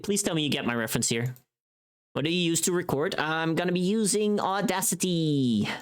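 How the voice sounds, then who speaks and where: Animated and fairly quick, this mid-range voice belongs to a streamer and voice performer of unclear sex, casually chatting on a livestream. They work as they talk, thinking aloud and humming small tunes between comments to the live audience.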